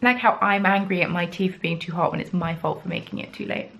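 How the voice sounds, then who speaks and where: Speaking quickly in a lowish, fairly bright voice, a young Southern English woman with a matching accent chats casually as host of a crafting podcast. She rambles and pokes fun at herself.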